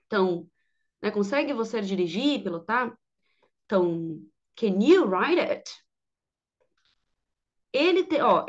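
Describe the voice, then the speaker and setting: A Brazilian woman teaching English, who explains step by step and reads the English examples slowly and clearly. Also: mid-range voice, muffled recording. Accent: Brazilian Portuguese. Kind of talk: online English lesson.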